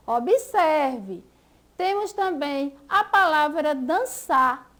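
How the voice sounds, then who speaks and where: A woman's voice: high voice, a bit bright. A Brazilian woman teaching a school lesson, patiently stretching out example words syllable by syllable. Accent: Brazilian Portuguese.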